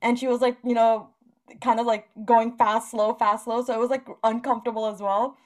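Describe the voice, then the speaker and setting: A woman's voice: a little high, flat delivery, brisk, darkish tone. A young woman co-hosting a casual chat, talking colloquially with lots of filler "like". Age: young adult. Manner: colloquial, giggly, heavy use of "like".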